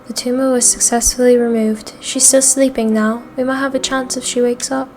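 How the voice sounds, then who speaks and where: A woman voicing a calm male surgeon in a put-on accent, measured and professional, reading game dialogue aloud. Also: a little high, slight background noise, natural voice. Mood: grave.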